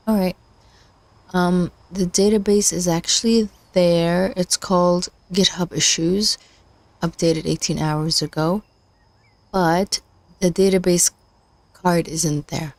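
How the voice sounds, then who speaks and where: Fairly low in pitch and darkish in tone, this woman's voice comes through with no room sound. She's a livestream host learning machine learning, losing her voice as she muses out loud, stopping and starting, filling gaps, and muttering to herself.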